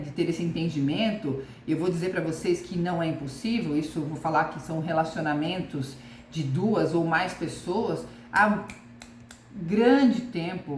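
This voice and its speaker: A woman's voice: fairly low pitch, slight background noise. A woman coach with a Brazilian Portuguese accent giving a casual video lesson, reflective and repeating her key questions. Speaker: communication coach. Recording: echoey room with faint ambience.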